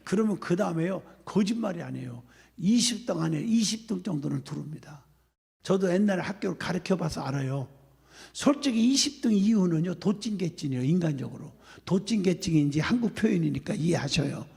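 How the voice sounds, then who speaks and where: A male pastor preaching a revival sermon in a church, telling lively stories and often asking the congregation if they follow him. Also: sits high, fairly quick, vocal fry. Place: church sanctuary. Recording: long hall reverb.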